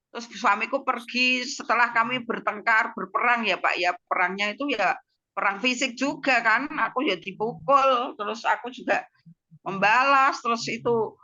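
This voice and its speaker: Woman, Javanese accent, bright emotional testimony, dull lo-fi video call sound. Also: on the high side. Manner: emotional storytelling, frequent tag words. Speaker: guest giving a testimony.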